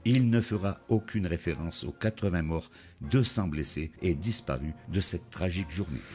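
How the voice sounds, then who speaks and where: A male narrator reads a scripted documentary text. His voice is very deep, with music clearly audible underneath.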